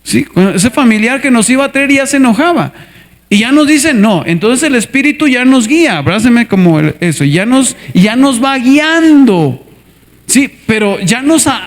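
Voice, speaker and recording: A man preaching a sermon as a pastor, animated, acting out little scenes and asking the congregation to answer back. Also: very high-pitched. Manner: animated, asks the congregation for responses; acts out scenes with character voices. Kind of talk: lively sermon with acted skits.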